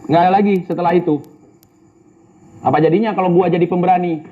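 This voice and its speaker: A man's voice: high-pitched, fairly even intonation, fast talker, phone-quality sound. An Indonesian man and YouTuber with an Indonesian accent, bantering and mocking as he reads out viewer comments. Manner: mocking, brash, slangy. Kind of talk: casual banter reading comments.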